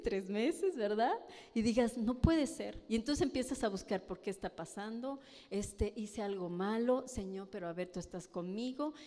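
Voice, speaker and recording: A pastor's wife preaches a sermon in a church hall, her voice on the high side and a little mellow, with a Mexican Spanish accent. She speaks emphatically and often asks the congregation questions, all under long church-hall reverb.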